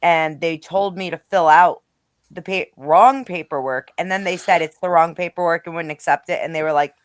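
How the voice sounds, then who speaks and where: A woman's voice: lowish voice, fairly even intonation, normal speed, no room sound, studio quality. A blunt woman who swears freely, talking casually in a live discussion. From Rhode Island, now Western New York.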